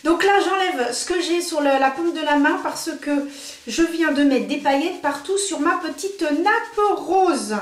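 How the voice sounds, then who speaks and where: Gushing beauty vlogger, middle-aged woman, high voice, roomy salon sound. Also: animated, unhurried. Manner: chatty, gushing, many fillers. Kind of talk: casual makeup tutorial chat.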